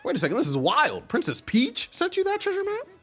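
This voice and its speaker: A man voicing a perky young female goomba student in a bubbly, excitable way. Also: very high voice, a little fast, voice pushed up, full character voice. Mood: excited.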